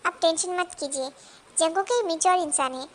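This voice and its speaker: A woman voicing a calm young man reassures politely and soothingly. The voice sits very high. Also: fairly quick. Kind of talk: fan dub drama.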